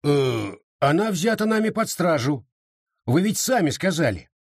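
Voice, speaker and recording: A man's voice: a little high, very animated, a little slow, breathy edge, no echo, clean studio sound, pitched above the performer's own voice, exaggerated voice. A man voicing a blunt, reluctant colonial guard in an audiobook.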